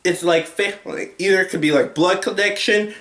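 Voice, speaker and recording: A young man talks through a movie review in a loose, rambling way, restarting sentences and leaning on filler words. His voice sits a bit high for a man. The room around him rings with echo. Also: normal speed, fairly bright tone. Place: home room with a TV.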